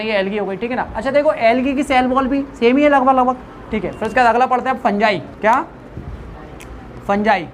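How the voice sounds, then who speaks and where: A woman's voice: on the high side, a little hiss or hum. A woman biology teacher lecturing a classroom, repeating questions for the students to answer back and joking with them informally. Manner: repeats questions to the class, call-and-response drilling.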